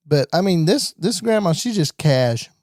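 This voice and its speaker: Animated young man in a dry room. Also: fairly high pitch, normal speed, no echo. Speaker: podcast co-host. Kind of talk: casual chat.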